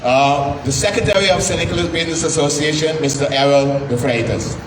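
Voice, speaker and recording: A man hosting a community panel informally, with halting, drawn-out phrasing. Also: a little high. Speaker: host and panel moderator. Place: live community event, picked up from afar. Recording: distant, echoey, very noisy event recording.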